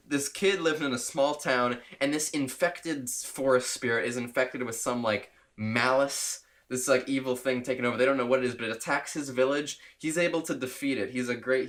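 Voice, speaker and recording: A man's voice: mid-range voice, moderate pace, hardly any pauses, a bit bright. A young man co-hosting a casual movie podcast, talking with rambling enthusiasm and laughing often. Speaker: podcast co-host.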